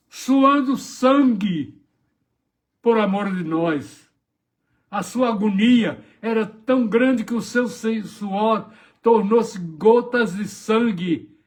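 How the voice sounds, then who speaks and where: A man with a high voice preaches a morning devotional, slow and deliberate. He retells gospel scenes dramatically and voices the people in them. His delivery has a pastor's earnest cadence. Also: a little mellow. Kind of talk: sermon.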